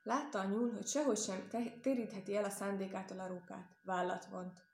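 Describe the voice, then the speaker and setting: A woman's voice: mid-range voice, steady tone, gravelly, darkish tone. Woman reading a storybook, echoey. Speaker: reader. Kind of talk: storybook narration.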